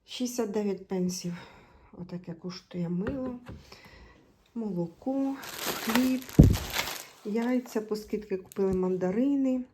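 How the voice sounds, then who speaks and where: A Ukrainian woman vlogs in a chatty, homely style, speaking directly to her viewers about groceries and meals, partly while riding in a moving car. Her voice is medium in pitch, with a measured pace and long pauses. Loud background noise, including car sounds, fills the recording.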